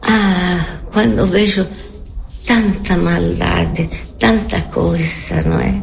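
Slow and creaky, her fairly low voice belongs to an elderly Argentine woman whose first language is Spanish and who has an Argentine accent. Being interviewed, she reminisces casually, repeats words, and keeps checking for agreement.

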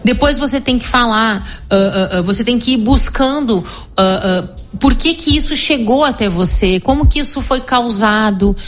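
A middle-aged woman psychologist, explaining her method in an animated conversational interview, often tagging her sentences with "né?". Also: fairly high pitch, moderate pace, soft background music. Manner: explanatory, animated, frequent "né?" tag questions.

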